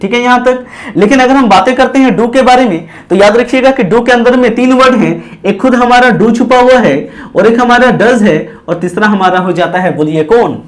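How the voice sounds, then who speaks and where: A man with a very high voice teaching grammar at a classroom board. He repeats each point and asks his students questions, answering them himself in call-and-response. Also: moderate pace. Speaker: English teacher.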